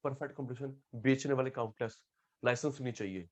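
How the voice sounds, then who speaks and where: A man's voice: medium pitch, fairly quick. A male teacher running an online class, calling out students by name and repeating key terms again and again.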